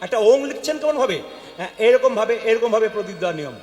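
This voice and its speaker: A man with a Bengali accent giving a devotional sermon, questioning the audience and asking them to answer loudly. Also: sits high, lively intonation, fast. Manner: questions the crowd and calls for loud replies. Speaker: kirtan preacher. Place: hall with an audience. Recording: echoey hall with long reverb.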